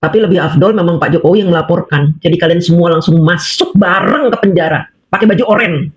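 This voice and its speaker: A woman's voice: on the low side, fast talker. Scolding woman in a dull lo-fi recording. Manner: scolding, mocking, repeated rhetorical questions. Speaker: housewife voicing political opinion. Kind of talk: angry monologue addressed to critics.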